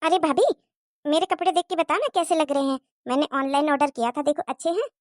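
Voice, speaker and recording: Smug cartoon sister-in-law, young and spoiled , voiced by a woman. Sneering tone, high voice, dry recording. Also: quick pace, no echo, close to an everyday voice. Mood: mocking. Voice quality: mocking, sneering.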